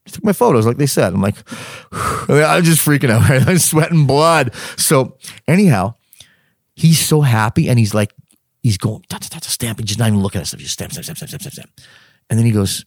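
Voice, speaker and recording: A man's voice: mid-range voice, animated, normal speed, no echo, studio quality. A middle-aged man telling a personal story in casual conversation. He acts out the dialogue and laughs mid-sentence.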